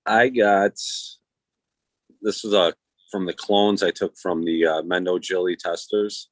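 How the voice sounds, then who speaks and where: Low-pitched man in slangy chat. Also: steady tone, measured pace, no echo. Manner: laid-back slangy talk with frequent swearing. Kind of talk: casual chat.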